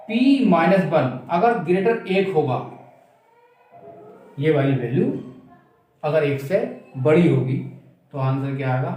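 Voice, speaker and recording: Teaching maths in a classroom lecture, a man with a mid-range, warm voice asks the class questions, supplies the answers himself, and goes over the key steps again. The recording has a very echoey room and a distant mic.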